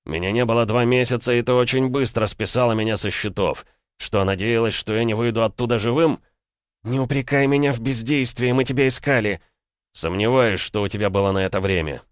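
A man's voice: mid-range voice, steady tone, fairly quick, smooth, dry recording, muffled recording, pitched above the performer's own voice, lightly acted. A man voicing a bitter young man who barks and speaks with venom. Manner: barking, venomous. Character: young man, bitter, menacing, quick to explode.

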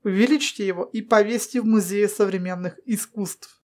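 A woman's voice: mid-range voice, moderate pace, a little mellow, lightly acted. A woman voicing a male doctor who speaks sarcastically in an audiobook. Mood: threatening.

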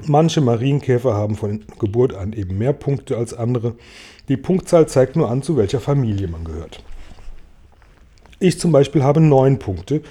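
A man's voice: medium pitch, dark tone, breathy edge. A man voicing a polite, snobbish female ladybug in an audiobook reading. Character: genteel, proud female ladybug.

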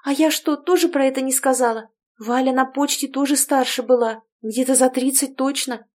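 A woman's voice: on the high side, normal speed, close to an everyday voice. Woman voicing a brash skeptical young woman. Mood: arguing. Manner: excitable, brash outbursts. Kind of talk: audiobook character voice.

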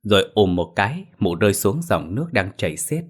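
Deep-voiced man narrating a ghost story. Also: sing-song, brisk, husky.

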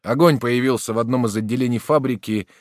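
A man reading a classic novel aloud in unhurried, even storytelling narration. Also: mid-range voice, dry recording, clean studio sound. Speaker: audiobook reader.

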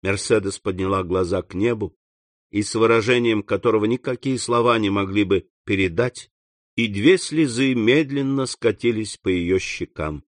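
A man narrating a classic novel in a measured, even reading. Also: on the low side, dry recording, studio quality. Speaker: audiobook narrator.

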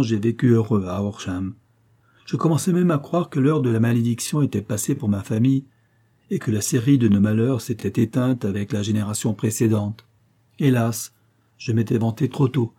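A man voicing a desperate young gentleman who feels hunted by fate, telling his story anxiously. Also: medium pitch, husky, close to an everyday voice.

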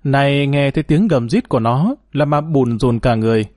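A man reading a serialized story aloud in a calm, measured, formal storytelling manner as the program's host. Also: medium pitch, no room sound, studio quality. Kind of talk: scripted story narration.

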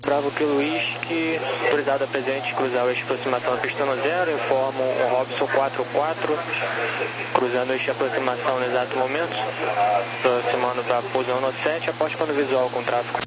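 Over a noisy radio channel, a Brazilian man issues air traffic control instructions. His delivery is rapid and flat, with very little melody in the phrases. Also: mid-range voice. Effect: radio transmission.

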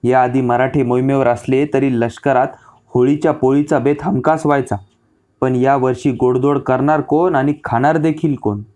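Male audiobook narrator, measured. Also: mid-range voice, darkish tone. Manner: measured, literary storytelling.

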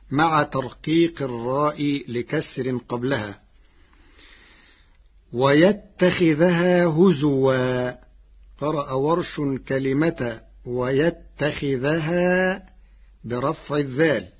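A man explaining variant Quran readings in formal, measured speech, chanting each quoted verse slowly, from a dull lo-fi radio broadcast. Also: mid-range voice, breathy edge. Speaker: Quran recitation teacher. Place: radio studio.

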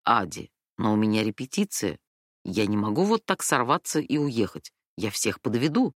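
A woman reading an audiobook voices a calm, steady adult woman friend with a deep, well-trained chest voice. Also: moderate pace, dry recording, studio quality, exaggerated voice. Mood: firm. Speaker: rehearsing performer.

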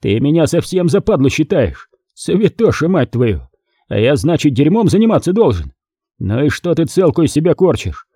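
A man's voice: a little high, sing-song, moderate pace, breathy edge, no echo, studio quality, pitched above the performer's own voice. Man voicing a furious army battalion commander. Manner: shouting, swearing, bullying.

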